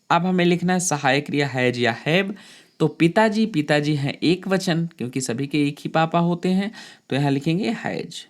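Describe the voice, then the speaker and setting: A teacher gives a step-by-step grammar lesson at an ordinary mid-range pitch. The delivery is patient and explanatory, addressing the students fondly. English words are spelled out letter by letter and sentences are dictated slowly.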